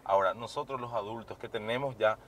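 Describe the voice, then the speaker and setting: Relaxed male host. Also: fairly low pitch, fairly quick. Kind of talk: casual interview chat. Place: moving vehicle.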